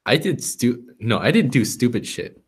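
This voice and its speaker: A man's voice: mid-range voice, sing-song, moderate pace, slightly rough. A young man co-hosting a podcast, chatting casually and swearing freely. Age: young adult. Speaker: podcast co-host. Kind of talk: casual chat. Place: library room.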